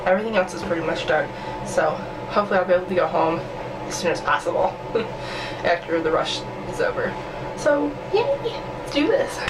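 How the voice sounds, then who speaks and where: Sounding on the low side, very animated and fairly quick, a sick woman vlogs from home against a noisy background. With a stuffy nose and a voice that keeps coming and going, she chats to camera in a casual daily vlog, self-mocking and laughing a lot.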